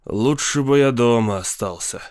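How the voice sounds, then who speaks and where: A man's voice: medium pitch, unhurried, no echo, clean studio sound, close to an everyday voice. A man voicing an indignant, bewildered male professor in a storybook reading, protesting and exasperated.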